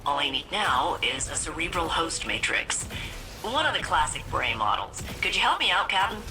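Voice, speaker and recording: An actress playing a chatty, joking ship AI in a video game. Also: female voice, deep voice, sing-song, over music. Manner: chatty, joking, quick asides. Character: chatty female ship AI, jokey and eager. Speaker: game character. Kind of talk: video game cutscene dialogue.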